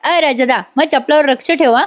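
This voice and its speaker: A cheerful, simple young brother-in-law, as a woman narrator plays him. He chats eagerly, in a fairly high voice. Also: normal speed, close to an everyday voice.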